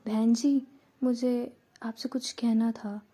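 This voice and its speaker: Woman doing a smooth-talking young man. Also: a little high, fairly even intonation, slow, mellow.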